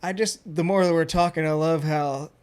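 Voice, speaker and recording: A man's voice: on the high side, steady tone, moderate pace, darkish tone, clear, resonant tone. A man hosting a casual interview, enthusiastic and rambling. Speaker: podcast host.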